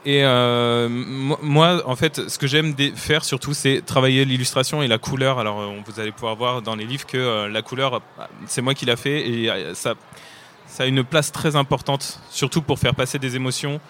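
A man's voice: medium pitch, normal speed, fairly bright tone, a little hiss or hum. A man from France with a French accent, a comic illustrator, talking to children with many hesitations. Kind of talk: casual talk to children.

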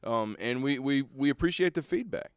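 Joking, halting co-host man. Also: medium pitch, lively intonation, smooth, no echo, clean studio sound. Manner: joking, halting, repeats words. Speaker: podcast co-host. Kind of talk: casual podcast chat. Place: studio.

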